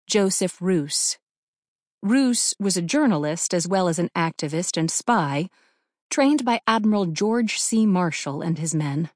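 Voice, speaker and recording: A woman's voice: on the low side, a little mellow, dry recording, clean studio sound. Woman narrating an audiobook. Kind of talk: scripted narration.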